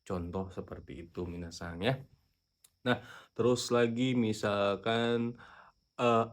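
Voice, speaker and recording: A man teaching Japanese in a casual online lesson, often addressing his viewers and reading example sentences slowly. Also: lowish voice, fairly even intonation.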